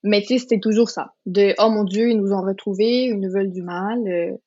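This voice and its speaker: A woman in her twenties from Colombia talks earnestly as a podcast guest, pausing and restarting often. Her pitch sits mid-range for a woman. The recording sounds a little dull and lo-fi. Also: steady tone, darkish tone. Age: 20s. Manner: earnest, many fillers and restarts. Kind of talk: casual testimony chat.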